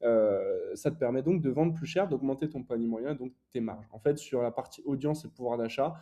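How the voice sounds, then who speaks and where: A man's voice: medium pitch, normal speed, mellow. A young man teaching online advertising in a casual, explanatory way, with frequent fillers and self-corrections. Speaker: e-commerce ads coach.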